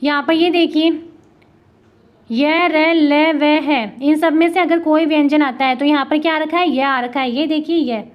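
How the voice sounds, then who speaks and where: A woman's voice: high-pitched, steady tone, unhurried, dull audio. A woman teaching Hindi grammar with a Rajasthani accent, asking and answering her own questions and spelling letters out one by one. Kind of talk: classroom lesson.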